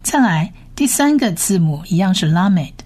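A woman teaching how to read Hebrew words, spelling out each sound and repeating it slowly. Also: fairly low pitch, big pitch swings, darkish tone, husky. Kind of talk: slow reading lesson.

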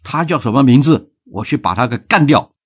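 A man's voice: medium pitch, animated, a little fast, slightly rough. A man voicing a bold, hot-tempered young strongman in a told folk tale. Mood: commanding. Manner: forceful, commanding speech.

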